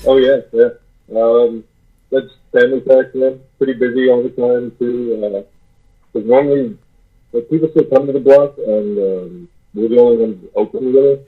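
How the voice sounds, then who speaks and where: A man chatting casually over a remote call, laid-back and halting with lots of fillers, his audio muffled as if he were talking from inside a tunnel. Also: mid-range voice, fairly even intonation, breathy edge, faint music behind. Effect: muffled audio that sounds like a tunnel, as if underwater. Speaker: food truck worker, guest. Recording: muffled, tunnel-like, phone-band remote line.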